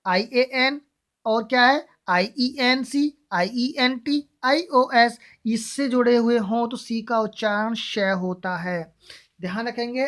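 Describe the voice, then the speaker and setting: A young adult woman teaching English pronunciation, spelling words letter by letter and asking and answering her own questions. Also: fairly high pitch. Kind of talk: classroom-style lesson.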